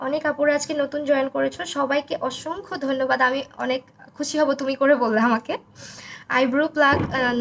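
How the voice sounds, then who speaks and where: A young woman from Bangladesh hosts a live makeup stream in a high, hoarse, gravelly voice. She talks casually and reads viewer comments aloud. A faint hiss sits behind her. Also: fairly bright tone. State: hoarse, voice broken.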